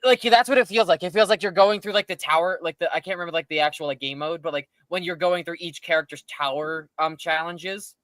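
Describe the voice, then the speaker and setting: A man's voice: on the high side, fast, hardly any pauses, a bit bright, no room sound. A man co-hosting a casual live show, rambling in an exasperated way with lots of fillers. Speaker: podcast co-host. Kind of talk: casual chat.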